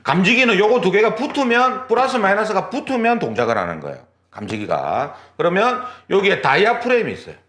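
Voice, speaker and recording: An exam prep instructor lectures a certification class, drawing on a board and pointing at his sketch as he walks through each step, repeating key terms and checking that students follow. His slightly high, a bit bright voice is very animated, rising and falling widely at a fairly quick clip with hardly any pauses. The room has an echo.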